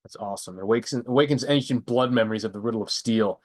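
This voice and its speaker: Talking quickly in a lowish voice, this young prepper channel host sounds congested and stuffy. On his casual live stream he meanders through product recommendations with frequent self-corrections.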